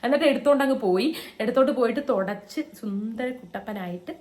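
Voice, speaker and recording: A woman's voice: on the high side, fast talker, darkish tone. A young woman tells a personal story in a casual, chatty vlog, acting out quoted lines in raised voices. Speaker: vlogger.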